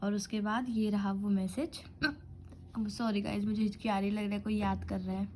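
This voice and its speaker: Relaxed woman vlogger voice-over. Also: medium pitch, moderate pace, slight background noise. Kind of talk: casual voice-over showing a screen.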